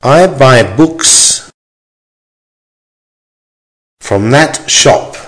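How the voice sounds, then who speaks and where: A man reading an English-lesson dictation aloud in short, deliberate, carefully measured phrases, repeating them and speaking the punctuation. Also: mid-range voice, animated, a bit bright, rough recording. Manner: deliberate, measured enunciation with pauses. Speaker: language teacher reading dictation.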